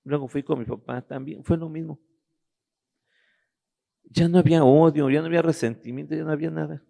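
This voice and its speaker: Middle-aged man, very gravelly and dark-toned, halting personal testimony. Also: a little high, fairly even intonation. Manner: halting, searching for words with restarts. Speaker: guest giving a testimony.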